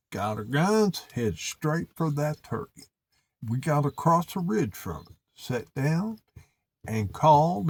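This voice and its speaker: A man with an Appalachian accent telling hunting stories casually, in a folksy, drawn-out country way. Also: medium pitch, darkish tone, breathy edge. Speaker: turkey hunter presenting his own video. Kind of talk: casual storytelling.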